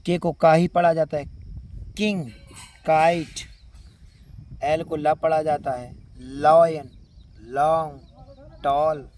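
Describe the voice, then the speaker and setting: A man's voice: a little high, flat delivery, darkish tone. A man with an Indian Hindi accent teaching English letter sounds, repeating example words one by one. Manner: slow, drawn-out word-by-word pronunciation drills. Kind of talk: spoken phonics lesson.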